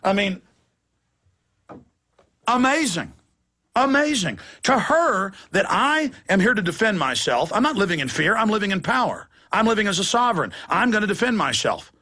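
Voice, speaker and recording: A man's voice: sits high, very animated, fairly quick, few pauses, bright, forceful tone, husky. A man hosting a talk show, ranting in an indignant, heated monologue and slipping into mocking voices. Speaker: radio host.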